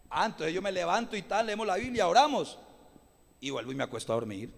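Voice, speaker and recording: A man preaching a live sermon, impassioned, swinging from shouts to quiet asides, in a church. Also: extremely high pitch, gravelly. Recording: live church audio with long reverb.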